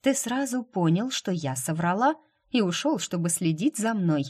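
A woman voicing a stubborn, indignant young woman healer in an audiobook, sharp and quick to protest. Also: mid-range voice, lively intonation, slightly rough, pitched above the performer's own voice.

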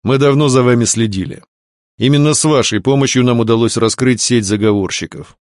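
A man reading an audiobook, voicing a cold, commanding male secret-police chief in a slow, clipped delivery. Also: mid-range voice, no room sound, studio quality, close to an everyday voice. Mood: stern.

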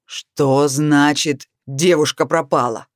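A man's voice: on the high side, fairly even intonation, takes it slowly, no echo, clean studio sound. A man voicing a furious dragon lord. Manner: shouting orders. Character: imperious male dragon lord, angry.

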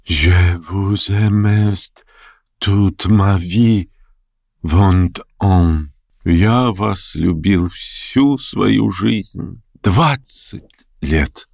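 Guy doing a shaky old gent, begging softly, slow and halting, dry close sound. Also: sits low, gravelly, dry recording, full character voice. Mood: pleading. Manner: pleading, faltering, slow. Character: frightened tearful elderly gentleman, sentimental.

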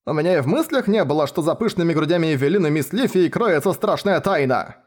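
A high, strained voice for a fussing young detective who makes a drama of every scratch, as a male reader puts him on. He pleads and wails in a nasal-tight register well above the reader's own. He sounds like an audiobook character. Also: big pitch swings, brisk, breathy edge. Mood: excited. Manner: overwrought, pleading. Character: melodramatic young male detective, wounded, whining.

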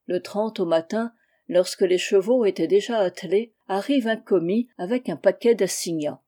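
A woman reading a literary memoir aloud in a measured, steady narration. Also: mid-range voice. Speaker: audiobook reader. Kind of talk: scripted narration.

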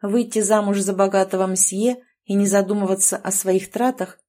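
A woman reading a first-person novel aloud in a steady, measured narration. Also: medium pitch. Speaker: audiobook narrator.

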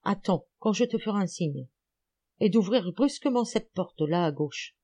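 A woman reading an audiobook, voicing an elderly, gouty male amateur detective who is excited, teasing and lecturing. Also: mid-range voice, normal speed, natural voice. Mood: eager.

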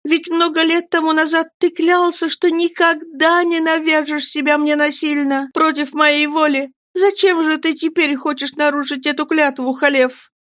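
Earnest, high-voiced young heroine, voiced by a female audiobook reader; dry booth sound. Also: little pitch movement, normal speed, few pauses, a bit bright, no echo. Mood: pleading. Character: young woman Miriam, gentle and pleading.

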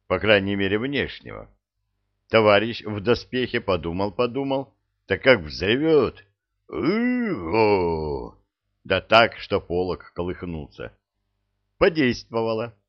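A man with a low voice narrates a first-person tale. His delivery is wry and colloquial, with very lively swings in pitch, on a slightly dull recording. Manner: sardonic, expressive. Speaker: audiobook narrator.

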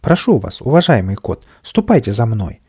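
A man's voice: medium pitch, sing-song, moderate pace, mellow, slightly rough. A man voicing a tiny, scruffy, boastful and cowardly male creature in a storybook reading, with a bratty, whining manner. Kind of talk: storybook character voice.

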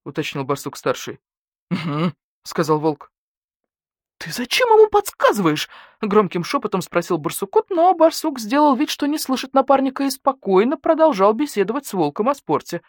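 A woman narrating a children's audiobook in an expressive storytelling manner. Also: on the high side, brisk, few pauses, dry recording, clean studio sound.

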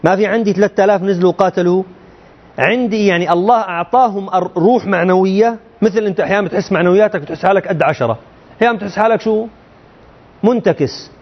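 A man's voice: high voice, rapid-fire, lo-fi sound. A man teaching a religious text to students, often firing rhetorical questions at them in a colloquial way. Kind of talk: explaining a creed text to students.

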